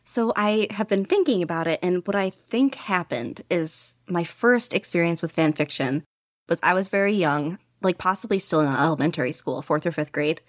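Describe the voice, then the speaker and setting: Speaking from her bedroom, a young fan fiction writer chats in a casual podcast interview, wandering off on tangents, laughing a little and saying "like" constantly. Her voice runs on the low side, recorded at studio quality without echo.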